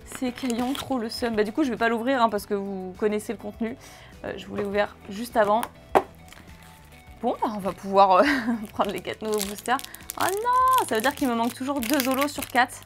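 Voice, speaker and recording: Bubbly high-voiced woman unboxing cards. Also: lively intonation, music in the background. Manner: gushing, exclamatory, lists card names quickly. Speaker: card-opening video host. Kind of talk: excited casual card unboxing.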